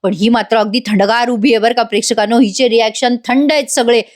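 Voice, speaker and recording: High-voiced woman chatting as a reviewer. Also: fairly even intonation, quick pace. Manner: chatty, addresses viewers directly. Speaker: serial episode reviewer. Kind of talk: voice-over episode review.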